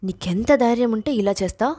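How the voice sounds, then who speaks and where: A woman's voice: on the high side, quick pace, mellow, close to an everyday voice. A woman reading a story voices a spiteful young female college bully with a taunting, contemptuous manner. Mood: scornful.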